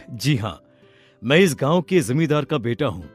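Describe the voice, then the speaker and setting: A man voicing a polite, smitten young landlord's son in an animated story, courteous and earnest. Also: mid-range voice, a little slow, soft background music. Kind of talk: animated romance story acting.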